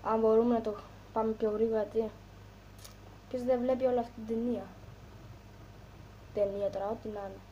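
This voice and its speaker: Female gamer, mocking running commentary, somewhat high voice, faint noise under her. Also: level tone, long pauses, warm tone, lo-fi sound. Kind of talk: casual gameplay commentary. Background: game sounds.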